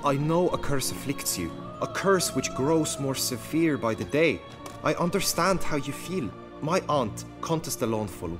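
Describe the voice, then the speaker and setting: An actor playing an earnest, lovestruck knight with florid, chivalrous speech in a fantasy game. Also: male voice, medium pitch, close to an everyday voice. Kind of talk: dramatic fantasy game acting.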